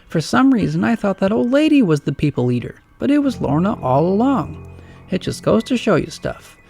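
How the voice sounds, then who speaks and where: A man voicing a goofy, excitable little boy in a storybook reading, talking in a silly, excited way. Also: sits high, moderate pace, creaky, faint music behind, voice pushed up, full character voice.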